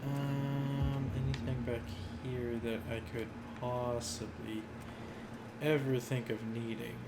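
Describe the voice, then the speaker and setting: A man giving casual gameplay commentary, unhurried and thinking aloud. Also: mid-range voice, flat delivery, over loud music. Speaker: gamer. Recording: very noisy, game ambience behind.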